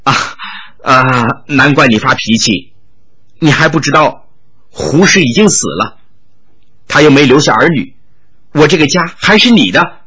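A man's voice: medium pitch, expressive, a little slow, long pauses, bright, forceful tone, husky, voice pushed down, heavily acted. A male storyteller voicing a scheming middle-aged official who coaxes and pushes his estranged wife to come home. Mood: wheedling. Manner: coaxing, pushy pleading.

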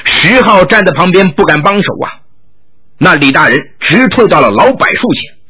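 Guy narrating a kung fu story, lively swoopy delivery, bright husky voice. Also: high-pitched, normal speed. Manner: animated, dramatic narration. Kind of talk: martial-arts novel storytelling.

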